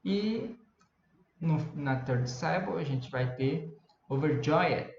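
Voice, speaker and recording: A man's voice: fairly high pitch, lively intonation, slow, creaky, a little mellow. A Brazilian man teaching an English lesson in a chatty way, explaining in Portuguese and mixing in English words. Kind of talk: recorded online lesson. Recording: lo-fi roomy recording with faint hum.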